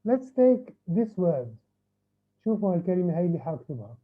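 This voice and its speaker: High-voiced teacher drilling English syllables. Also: male voice, very animated. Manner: switches between Arabic and slow, drawn-out English, repeating words to drill them. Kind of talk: online class lesson. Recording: tinny phone-like audio.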